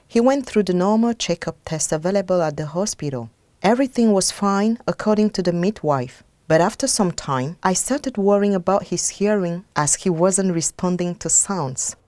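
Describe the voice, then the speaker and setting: A woman's voice: lowish voice, animated, normal speed, warm tone, dry recording. A woman from Cameroon with a Cameroonian accent, narrating a documentary in an earnest, reflective way. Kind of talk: scripted narration.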